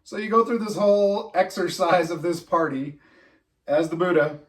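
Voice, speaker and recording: A man's voice: high-pitched, normal speed, recorded from a distance. A man co-hosting a podcast in casual chat, rambling and laughing at his own jokes. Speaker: podcast co-host.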